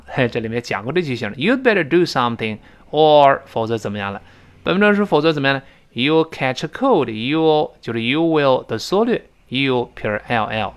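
An English teacher, a man whose first language is Chinese, talks through a lesson in a lively, animated way with a mid-range voice. He fills his explanations with little fillers and slows right down to drill each word. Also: mid-range voice. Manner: explains at length with many fillers, repeats words slowly to model pronunciation.

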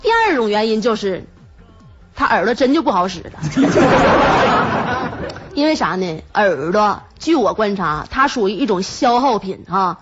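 A young woman with a Northeastern Chinese accent hosting a comic radio chat show, chatty and laughing at her own jokes. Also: on the high side. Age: young adult. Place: radio studio. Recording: dull lo-fi radio broadcast with hiss.

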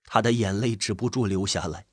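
Husky man narrating a suspense story. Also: fairly low pitch, a little fast, dry recording, clean studio sound.

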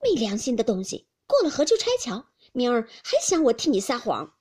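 A woman voicing a young maidservant who is sharp-tongued and teasing, speaking loud and playful. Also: high voice, very animated, brisk, voice pushed up. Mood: scolding. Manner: playful scolding, loud and bright.

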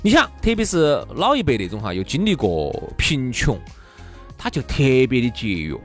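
A man's voice: medium pitch, sing-song, moderate pace, faint music behind. A man with a Sichuanese accent in casual, opinionated chat as a talk show host.

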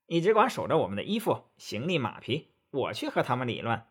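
A man's voice: medium pitch, huge pitch swings, a little fast, breathy edge, heavily acted. A man playing a cocky monkey king. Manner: brash and mocking. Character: cocky, quick-tempered male monkey king.

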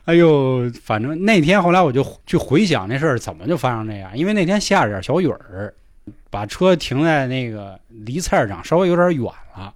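Beijing guy on a podcast, lively up-and-down voice, dry close sound, tells stories. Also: medium pitch, brisk, no echo. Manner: animated, acts out the others in the story. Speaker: podcast host. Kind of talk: casual storytelling chat.

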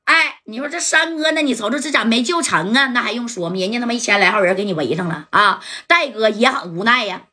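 A woman narrating a gangster story in a folksy, lively way, with asides to the listener. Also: a little high, fast talker, few pauses.

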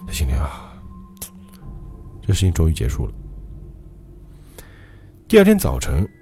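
A male podcast host telling a ghost story in a dramatic, lively way. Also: extremely low pitch, a little slow, husky, soft background music.

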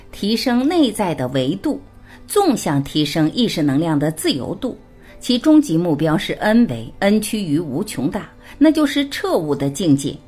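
A woman's voice: lowish voice, mellow, husky. A woman reading a written interview aloud, voicing both sides and announcing each speaker's label.

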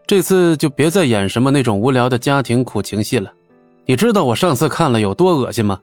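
A man narrating an audiobook in a steady, even storytelling manner. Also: medium pitch, no room sound.

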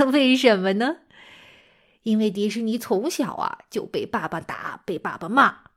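A woman hosts a children's lesson and storytelling show, narrating as though reading to a young child, with exaggerated emphasis and frequent questions. Her mid-range voice has lively intonation and a slightly slow pace, suited to animated storytelling for little ones.

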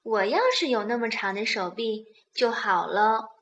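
A woman voicing a small, playful young bunny with excited, slow, sing-song delivery in a children's bedtime storybook reading. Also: a little high. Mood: eager.

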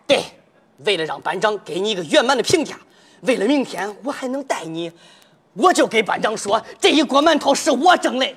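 A man's voice: sits high, big pitch swings, brisk, fairly bright tone, husky, heavily acted. A man playing an eager, boastful young army cook, speaking in a with folksy, exaggerated exclamations in a stage comedy sketch. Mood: excited, scolding. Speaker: cook soldier.

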